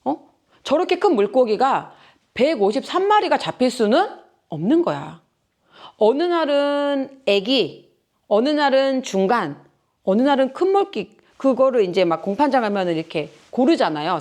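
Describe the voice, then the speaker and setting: Woman preacher, chatty and animated, keeps asking the congregation questions. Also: a little high. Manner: lively, questioning the audience, plain speech. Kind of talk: casual sermon to children and youth.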